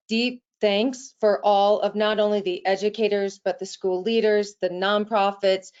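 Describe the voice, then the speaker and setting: Woman, middle-aged, excitable, effusive, rambling, muffled audio. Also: mid-range voice, clear, resonant tone. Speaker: guest speaker.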